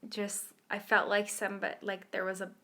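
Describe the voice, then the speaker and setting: A woman podcast co-host telling a personal paranormal story in casual chat, animated and laughing often, dropping to a hush at tense moments. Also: medium pitch, a little fast, gravelly.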